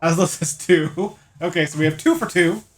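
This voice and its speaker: This is a man's voice pitched a little high, moving at a moderate pace. He's a livestreamer playing a visual novel who banters playfully with viewers and speaks to chat by name, with game music in the background.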